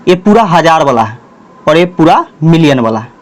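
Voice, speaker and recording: A male math teacher with a Bihari Hindi accent, slowly dictating numbers word by word while explaining a lesson at the board. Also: on the high side, very animated.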